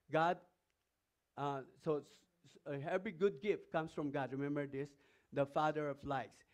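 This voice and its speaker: A man's voice: mid-range voice, darkish tone. A man with a Filipino accent preaching a sermon as pastor, reading scripture aloud and putting emphatic questions to the congregation. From Philippines. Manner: reads scripture passages aloud between remarks.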